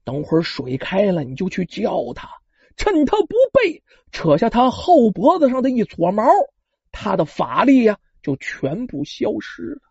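A storyteller voicing a captive centipede king spirit, speaking low and hushed, in a storytelling performance, on a dull lo-fi recording. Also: expressive, normal speed, vocal fry, slightly rough, no echo, exaggerated voice. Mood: urgent. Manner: hushed, low whisper-like pleading.

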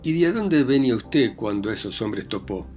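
A man's voice: medium pitch, expressive, moderate pace, soft background music, lightly acted. A man reading aloud plays a stern, bullying village magistrate who interrogates and barks orders. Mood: interrogating. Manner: interrogating, commanding, shouting.

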